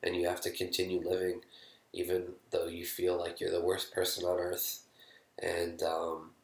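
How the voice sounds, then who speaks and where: A man speaking candidly to camera about his own experience, halting, with many fillers and restarts, sometimes dropping to a whisper. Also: low-pitched, completely flat delivery, gravelly, echoey room. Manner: drops to a whisper when quoting his own thoughts. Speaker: vlogger sharing his experience. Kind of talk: candid personal talk to camera.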